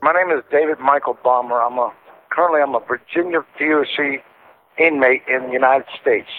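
A man speaking as an inmate on a prison phone, talking in a plain, halting way with fillers. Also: medium pitch, faint music behind. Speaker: inmate interviewee. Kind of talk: casual phone conversation. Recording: tinny prison phone line, faint noise.

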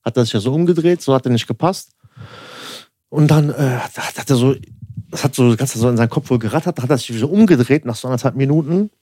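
A man's voice: medium pitch, fast talker, warm tone, no room sound, studio quality. Rambling young man telling a story. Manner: rambling, lots of filler tags like "so" and "ne"; acts out dialogue in quotes. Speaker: podcast co-host. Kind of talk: casual storytelling chat.

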